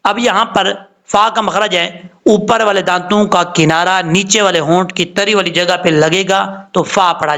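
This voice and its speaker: A man teaching Quran recitation, explaining slowly and spelling out letters with drawn-out chanted examples. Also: high voice, vocal fry, sharp tone. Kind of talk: recitation lesson.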